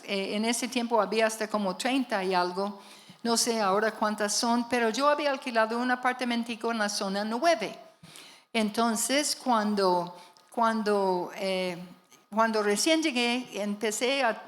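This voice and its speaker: A woman pastor telling a story in a sermon to a church congregation, with animated delivery and emphatic calls to her listeners. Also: a little high.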